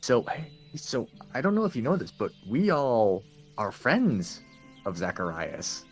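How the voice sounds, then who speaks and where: Man, swooping animated pitch, casual roleplay, game player, quiet music in background. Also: a little slow. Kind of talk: casual in-character roleplay chat.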